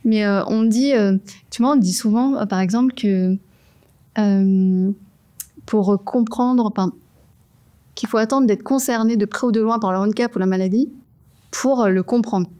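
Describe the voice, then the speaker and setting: Woman host asking halting questions. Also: medium pitch, mellow. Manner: halting questions with fillers, frequent brief agreement. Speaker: interview host. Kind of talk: casual interview chat.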